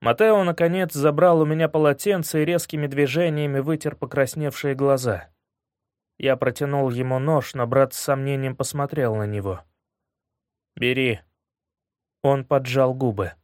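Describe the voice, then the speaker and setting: A man reading a first-person story aloud in a measured way, dropping low and quiet on grim moments. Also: fairly even intonation, no room sound, clean studio sound. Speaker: audiobook narrator.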